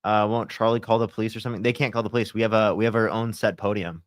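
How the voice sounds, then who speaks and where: A young man hosts a casual livestream, answering chat in a laid-back manner packed with "like" and "you know," sounding a little congested from a sore throat. His fairly low, steady voice comes rapid-fire in a dry, clean studio recording.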